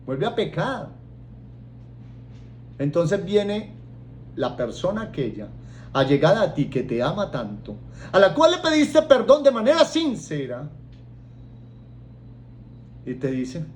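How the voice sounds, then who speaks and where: Colombian guy preaching, high voice, swoops all over, jokey and animated. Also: slow pace, long pauses, slight background noise. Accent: Colombian Spanish. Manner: animated, acts out voices and jokes with the congregation. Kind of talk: sermon.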